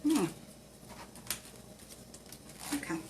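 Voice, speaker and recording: A woman's voice: fast talker, a little mellow. A woman from Tennessee with an Appalachian accent, chatting in a folksy way as she hosts a casual live craft demonstration. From Tennessee, United States. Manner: folksy, chatty, thanks viewers by name. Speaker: craft tutorial livestream host.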